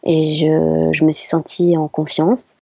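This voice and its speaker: A middle-aged voice actress telling stories in an interview, chatty and hesitant with many fillers. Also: female voice, low voice, little pitch movement, takes it slowly, gravelly, warm tone, slightly rough, no room sound. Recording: slightly dull lo-fi sound.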